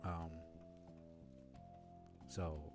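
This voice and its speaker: A man's voice: very slow, music in the background. A man from New York City streaming a game, thinking aloud in a rambling, filler-heavy way. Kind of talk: let's-play commentary.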